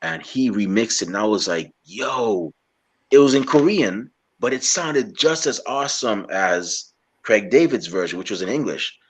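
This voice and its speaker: A young man from Guyana interviewing a guest in a relaxed, rambling way, often restarting his sentences. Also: fairly low pitch, slightly rough. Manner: rambling, halting with many restarts. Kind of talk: casual interview chat.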